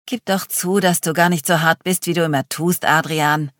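A reader voicing a gentle, compassionate young woman in an audiobook. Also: deep voice, fairly even intonation, moderate pace, no echo, studio quality. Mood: challenging. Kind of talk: audiobook reading.

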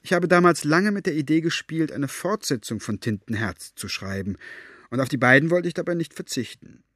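A man voicing an excitable elderly author who is vain about his characters and rambles about them. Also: a little high, brisk, husky, dry recording, clean studio sound, pitched above the performer's own voice. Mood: animated. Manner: animated, self-satisfied rambling. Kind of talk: audiobook character voice.

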